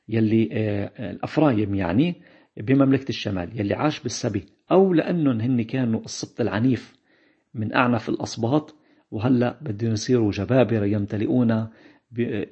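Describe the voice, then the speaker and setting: A man with a Lebanese accent teaching a Bible passage in a slow, unhurried way with many hesitations. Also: mid-range voice, mellow, breathy edge, muffled recording. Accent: Lebanese Arabic. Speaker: preacher. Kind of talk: Bible teaching in colloquial dialect.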